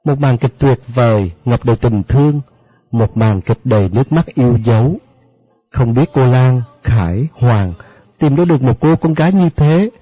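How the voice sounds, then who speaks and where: A man narrating an audiobook in a steady, measured way. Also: medium pitch. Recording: dry, dull lo-fi audio with faint music.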